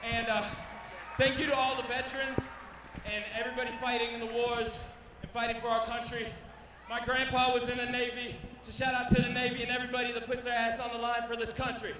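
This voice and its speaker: Shouting over the crowd, the fighter boasts brashly into a handheld interview mic after the bout, his voice extremely high with little pitch movement and a fairly quick pace. The echoey convention center arena is recorded from a distance, with slight background noise.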